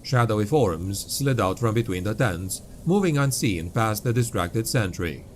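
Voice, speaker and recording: A man reading grimdark fantasy as an audiobook narrator, with grave, dark, dramatic storytelling. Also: lowish voice, animated, normal speed, slight background noise. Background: music.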